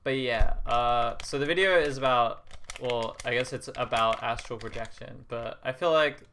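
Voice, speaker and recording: A young man thinks out loud while gaming, his talk loose and halting, full of restarts and soft chuckles. His voice sits at an ordinary middle pitch. Faint keyboard clicks and a light hiss sit under his speech. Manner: rambling and hesitant, full of restarts; soft and reflective, with quiet laughs. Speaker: gaming video creator. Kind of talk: casual musing while playing a video game.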